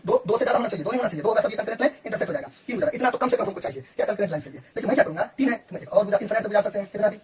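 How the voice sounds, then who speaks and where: A man teaching geometry in with terms, explaining quickly and repeating himself as he checks that the listener follows. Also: high voice, noisy background. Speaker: math teacher.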